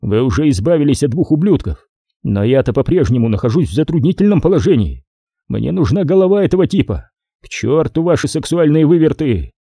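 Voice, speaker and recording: A hot-tempered crooked gangster in a crime audiobook, as a male narrator puts him on, cursing and roaring in a voice pushed above the reader's own. The tone stays husky and dark with lively swings. The recording is dry and close. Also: fairly high pitch, brisk, no echo, voice pushed up, heavily acted. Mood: angry. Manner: crude, shouting, swearing. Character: hot-tempered crooked gangster, adult man, crude and impatient.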